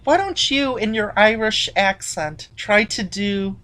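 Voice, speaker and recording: A woman hosting a casual episode review chat, recapping the plot in halting sentences with many restarts. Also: mid-range voice, a bit bright. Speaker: podcast host.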